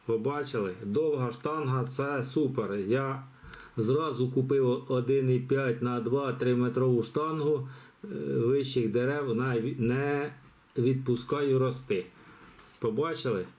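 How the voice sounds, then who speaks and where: A man, running a live giveaway for his viewers. He rambles along in an easygoing way, full of fillers and restarts. His pitch sits at an ordinary middle height for a man. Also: steady tone, unhurried, darkish tone. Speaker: channel host running a giveaway. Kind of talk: casual live commentary.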